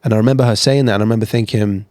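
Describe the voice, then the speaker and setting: A man talks openly about his own past as a guest, casual and chatty, often restarting his sentences. His voice sits a little low. The sound is dry, with no room echo. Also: steady tone, rapid-fire, darkish tone. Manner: candid, chatty, frequent restarts. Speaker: podcast guest. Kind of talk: casual interview storytelling.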